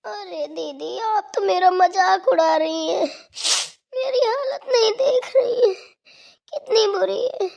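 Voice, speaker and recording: A woman's voice: high voice, slow, gravelly, a little mellow, dull audio, heavily acted. A woman voicing a young village daughter-in-law with a stuffy cold who whines tearfully in a cartoon. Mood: tearful whining. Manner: tearful whining, wailing complaints. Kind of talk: cartoon voice acting.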